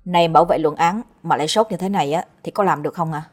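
Woman reading as a brisk, caring older brother. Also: low-pitched, soft background music. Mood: reassuring. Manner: brisk, reassuring.

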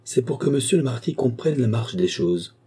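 A man's voice: mid-range voice, expressive, moderate pace, warm tone, breathy edge, voice pushed up. A man voicing a sly, deferential valet who talks ceremoniously and at length in an audiobook. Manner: long-winded, ceremonious. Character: adult male valet, sly, wordy, deferential.

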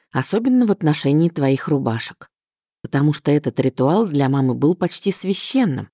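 A woman narrating an audiobook in an expressive literary storytelling manner. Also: deep voice, dry recording, studio quality. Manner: expressive storytelling, mixing plain telling with inner voice. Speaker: audiobook reader.

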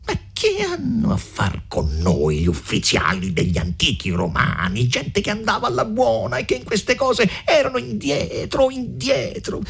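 A man reading aloud who voices an arrogant, hot-headed young nobleman, shouting and scornful. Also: high voice, huge pitch swings, measured pace, gravelly, hardly any pauses, husky, pitched above the performer's own voice, heavily acted.

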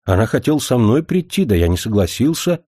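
A man's voice: mid-range voice, sing-song, a little fast, dark tone, slightly rough, dry recording, clean studio sound. A man voicing an earnest, lovestruck young man who pleads eagerly in a raised voice.

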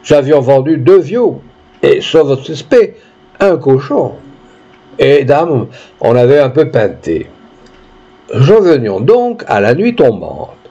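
Brief: man playing a bumbling country farmer, halting and rustic, lively pitch, husky. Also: lo-fi sound, full character voice. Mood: rambling. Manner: halting, rustic dialect speech. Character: clumsy peasant man telling a rambling story.

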